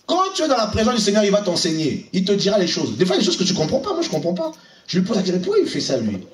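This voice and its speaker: Male preacher, high and lively delivery, exhorting; echoey room, mic at a distance. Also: very fast, slight background noise. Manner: animated, exhorting, acts out dialogues. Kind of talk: sermon.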